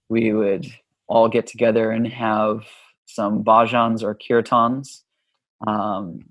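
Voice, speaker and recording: A man from Hawaii speaks in a low, gravelly voice that barely rises or falls. He talks about his life in a relaxed, unhurried way, dotted with ums. The sound is close and dry, with no room around it. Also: dry recording. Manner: easygoing, many ums, unhurried. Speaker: podcast guest, yoga teacher and author. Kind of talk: relaxed conversational storytelling.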